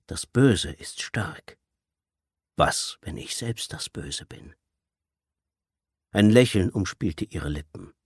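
A man narrating a tense audiobook with expressive storytelling. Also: on the low side, no room sound, studio quality. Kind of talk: audiobook reading.

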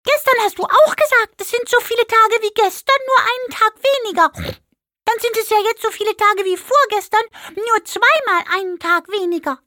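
A squeaky, impatient little magic pig. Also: female voice, normal speed, sharp tone, no echo, clean studio sound. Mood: puzzled. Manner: eager, impatient, squealing high voice. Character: small excitable pink magic pig with a golden horn. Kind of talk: storybook reading.

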